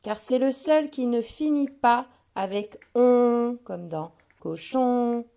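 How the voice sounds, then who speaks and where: A woman giving a phonics lesson to a child, saying each word slowly and clearly and speaking to the listener directly. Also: a little high, warm tone. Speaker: teacher.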